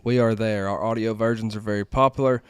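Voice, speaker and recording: A man talks sports on a live podcast in a smooth, resonant voice. The sound is dry and close, with no room echo around him. He reads sponsor plugs and viewer comments in an easy drawl. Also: on the low side, fairly even intonation, quick pace. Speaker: podcast co-host. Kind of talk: casual sports chat.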